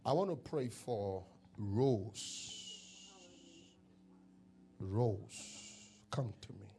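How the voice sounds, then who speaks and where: A Ghanaian pastor who styles himself a prophet preaches prophetically and prays over people at a church service. His fairly low, very animated voice carries vocal fry, and his slow, drawn-out declarations swell into loud shouts.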